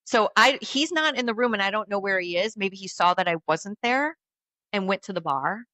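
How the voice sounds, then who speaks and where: A woman telling a dramatic personal story in casual chat, animated and acting out the voices of others. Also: mid-range voice, normal speed, no echo. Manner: animated, acts out quoted voices.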